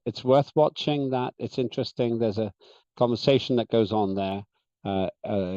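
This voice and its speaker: Man, session chair, measured and deliberate delivery, lowish mellow voice, dull video-call sound. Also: no echo. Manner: measured, deliberate, with frequent "uh" fillers. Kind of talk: chairing an online meeting.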